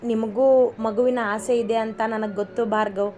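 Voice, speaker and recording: A woman voicing a young wife who is shy and sad. She speaks softly and plaintively in a storybook reading. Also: fairly high pitch, steady tone, unhurried, soft background music, lightly acted. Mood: tearful.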